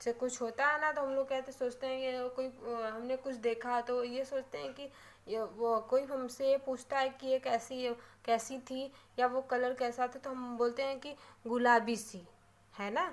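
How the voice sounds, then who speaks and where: A woman with a somewhat high voice teaches a classroom grammar lesson. She goes through terms one at a time and repeats them slowly. She keeps checking in with short tag questions. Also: steady tone.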